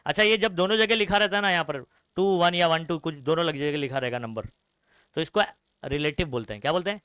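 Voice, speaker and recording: A man's voice: on the high side, fast talker, a bit bright, clean tone, dry recording. A young man teaching a classroom science lecture, mixing English terms into his talk and constantly quizzing students with call-and-response questions. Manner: mixes Hindi with English terms, scolds students.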